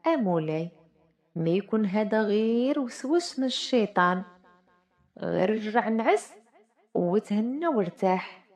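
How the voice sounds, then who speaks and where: A woman with a Moroccan accent voicing a loyal vizier, speaking in a calm, reassuring way. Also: medium pitch, a little slow, pauses often. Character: soothing loyal male vizier.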